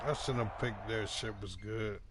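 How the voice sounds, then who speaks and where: A man's voice: lowish voice, steady tone, moderate pace, very noisy. A young man streaming a football video game, teasing and mocking his opponent in slangy casual trash talk.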